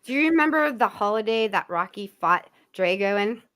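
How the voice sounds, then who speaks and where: A woman hosting a casual trivia game over a video call, lively, laughing often and singing snippets of song lyrics. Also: medium pitch, moderate pace, clear, resonant tone. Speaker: quiz host.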